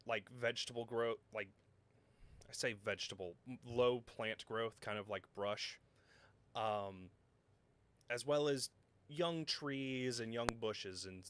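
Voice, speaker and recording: A man narrating a tabletop game as game master, halting and full of ums and self-corrections. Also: medium pitch, clear, resonant tone.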